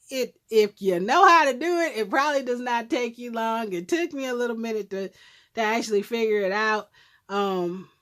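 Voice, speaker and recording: A middle-aged woman casually showing her handmade crafts, slightly hoarse as she loses her voice, with a rambling manner full of ums and self-corrections. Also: lowish voice. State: losing her voice, clearing her throat. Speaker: crafting YouTuber. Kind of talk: casual craft show-and-tell.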